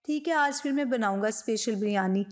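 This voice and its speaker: A woman doing a soft-spoken, easygoing young husband in a storybook voice-over. He teases his wife gently and playfully, in a fairly high voice that the reader lowers only a little for him. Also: fairly quick, lightly acted. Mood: tender.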